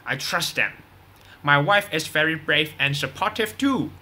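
For a scripted radio drama interview, a performer takes on the role of a cocky drug boss on the run, unrepentant, bragging and dismissive. The voice is medium in pitch, expressive and sharp, never rushing.

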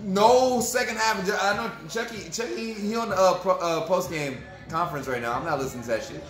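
A young sports fan films a ranting post-game review in a room at home, swearing and venting to his viewers on camera. His voice sits high, he talks briskly, and the recording is reverberant.

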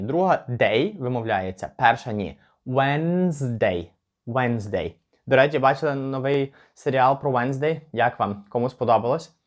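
Chatty man teaching English pronunciation. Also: mid-range voice. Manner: chatty, slows down to spell out words. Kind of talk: casual pronunciation lesson.

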